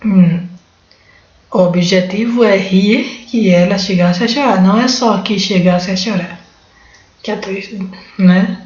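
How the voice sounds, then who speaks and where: A woman's voice: medium pitch, slow pace, pauses often, a little mellow. A Brazilian woman teaching exam-prep Portuguese, working through questions in an informal, thinking-aloud way with frequent restarts. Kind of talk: spoken lesson going through exam questions. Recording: roomy, dull lo-fi recording.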